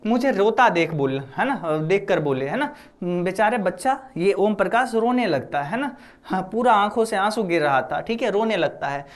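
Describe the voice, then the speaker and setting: Explaining a story chapter from a Hindi lesson, a male teacher lectures casually, repeating lines often with frequent "है ना" fillers and acting out quotes. His high voice is animated and moves at a moderate pace.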